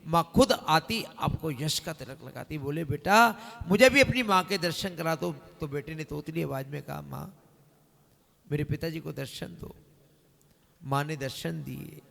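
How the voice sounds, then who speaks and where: A man telling a devotional story at a religious gathering. He calls on the crowd to respond and breaks into long, drawn-out sung verses. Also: a little high, gravelly, fairly bright tone. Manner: switches into long drawn-out singing. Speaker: devotional storyteller at a night vigil. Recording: long reverb of a hall.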